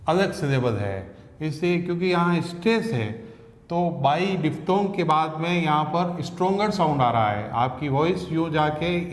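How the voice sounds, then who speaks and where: Slow, echoey male phonetics teacher. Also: on the high side. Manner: slow, deliberate, repeats words syllable by syllable. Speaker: English pronunciation teacher. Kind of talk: phonetics lesson. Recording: echoey room with long reverb.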